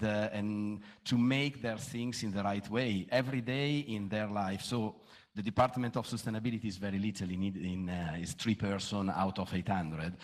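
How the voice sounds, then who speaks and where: Hesitant low-voiced manager, a man. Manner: hesitant, many "uh" fillers, non-native English. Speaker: conference panelist, company manager. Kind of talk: unscripted panel answer.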